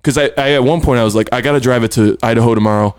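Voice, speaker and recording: A man spins a rambling anecdote among friends, laughing as he goes and cursing casually. His voice sits at an ordinary pitch. The sound is dry and close, with no room echo. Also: very fast, smooth. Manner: animated storyteller, laughs a lot, swears. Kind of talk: casual storytelling chat.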